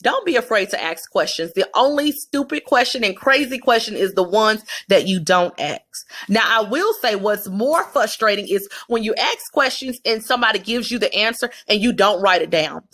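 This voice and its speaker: A woman's voice: medium pitch, lively intonation, normal speed, hardly any pauses, a bit bright. A woman with a Southern US accent, giving candid, emphatic career advice straight to camera in a casual vlog.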